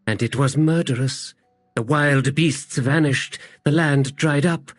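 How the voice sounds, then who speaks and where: A man's voice: fairly high pitch, slow pace, dry recording, soft background music, voice pushed up. A man voicing a bitter, guilt-haunted warrior woman. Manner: grave, bitter.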